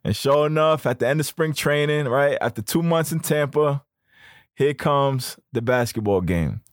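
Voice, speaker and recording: A young man hosting a podcast, telling a story in a casual, slangy, animated way. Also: on the high side, normal speed, no echo, clean studio sound. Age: young adult. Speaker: podcast host.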